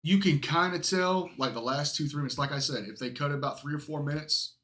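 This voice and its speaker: A man's voice: a little high, fairly quick, fairly bright tone. A man chatting casually as a podcast co-host, blunt and opinionated, with plenty of profanity.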